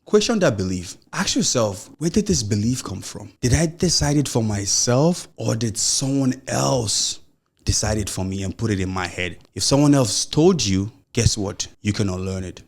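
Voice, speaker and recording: Fairly low in pitch with vocal fry, a young man speaks at a moderate pace with lively intonation while hosting a solo motivational podcast. He carries a Nigerian accent and a mild stammer, and his earnest, encouraging talk flows loosely with many "you know"s.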